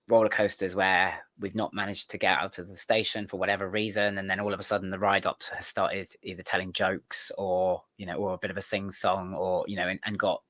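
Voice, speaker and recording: A man's voice: sits low, a bit bright, no room sound. A man hosting a casual studio interview, talking in a rambling, earnest way. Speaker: podcast host.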